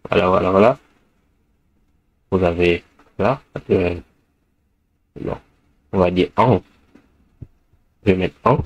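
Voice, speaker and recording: Speaking slowly in a low-pitched voice and pausing often, this programming tutor has the flu; the recording is dry with the highs cut off. He hesitantly teaches a screencast coding lesson, thinking aloud with lots of fillers while typing.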